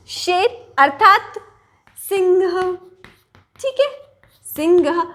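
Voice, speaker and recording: Woman teacher, slow deliberate delivery, walks students through examples with frequent check-ins. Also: very high-pitched, fairly bright tone. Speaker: Sanskrit teacher. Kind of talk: online language lesson.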